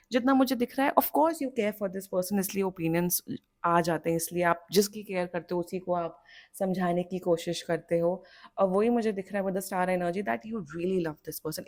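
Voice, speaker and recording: Chatty Indian woman reading tarot. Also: on the low side. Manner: chatty and animated, mixing Hindi with English phrases. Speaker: tarot reader. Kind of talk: casual tarot reading monologue.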